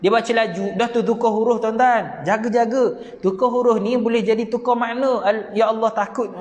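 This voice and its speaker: A man's voice: high-pitched, fairly even intonation, moderate pace, a little mellow, long reverb tail, lo-fi sound. A man with a Malaysian Malay accent teaching Quran recitation online, repeating each point earnestly and chanting the verses as examples. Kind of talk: online Quran reading lesson.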